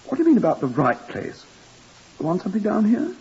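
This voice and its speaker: A man's voice: sits high, wildly swooping pitch, fairly quick, darkish tone, slight background noise, full character voice. An actor playing a brusque, flustered middle-aged male hotel manager. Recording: dull 1950s radio broadcast.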